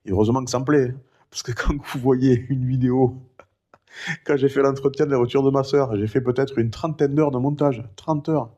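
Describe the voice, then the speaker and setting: A middle-aged man talking casually in a vlog, rambling and chatty with many fillers; one vocal cord is impaired, so he has no high head voice. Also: steady tone, moderate pace, warm tone, lo-fi sound. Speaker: vlogger recounting his cancer.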